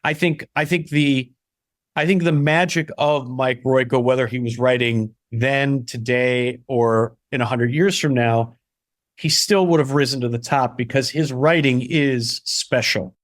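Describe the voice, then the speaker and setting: A man from the Chicago area, a playwright and solo performer, chatting in an interview in a quick, animated way with lots of restarts. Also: medium pitch, no echo, clean studio sound. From Chicago area (Barrington). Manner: animated, quick, many restarts and "you know"s. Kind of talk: casual interview conversation.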